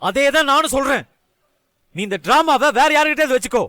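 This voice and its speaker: A man's voice: extremely high pitch, expressive, a little fast, pushed and bright, no room sound, heavily acted. An actor dubbing an angry young husband who harshly accuses his wife, in a dry studio voice-over. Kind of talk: Tamil serial dub acting.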